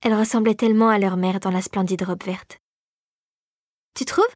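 A woman narrating a storybook in a calm, measured reading voice. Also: mid-range voice, no room sound, studio quality.

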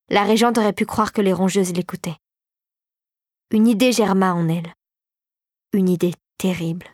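Woman narrating a dark fairy tale. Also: fairly low pitch, no room sound, clean studio sound. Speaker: audiobook narrator. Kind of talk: scripted narration.

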